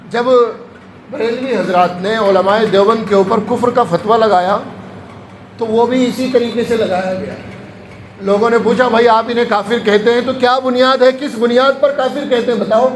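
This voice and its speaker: A man with a very high voice delivers a sermon as a chain of anecdotes, acting out the people in them. He is recorded in an echoey room with a faint hum of ambient noise behind him. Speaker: Islamic preacher. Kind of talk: sermon-style storytelling lecture.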